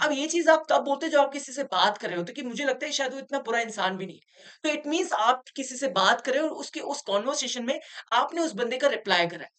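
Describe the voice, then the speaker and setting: This high-voiced teacher gives an English lesson in Hindi, her tone expressive and fairly bright. English sentences are read out slowly and then explained in Hindi, with frequent rhetorical questions checking that students keep up.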